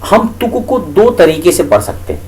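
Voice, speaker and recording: A man's voice: sits high, very animated, moderate pace, a little mellow, slight background noise, poor audio. A male teacher explaining a lesson for exam students, asking questions and answering them himself and repeating each key point.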